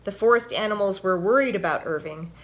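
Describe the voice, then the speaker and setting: At a medium pitch and a slightly quick pace, a woman presents a children's story and reads it aloud. Her storytelling is expressive and clearly told.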